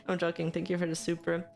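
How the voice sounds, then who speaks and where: A woman's voice: on the low side, vocal fry. A woman hosting a livestream, chatting and commenting casually as she reacts to viewer comments. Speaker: livestream host.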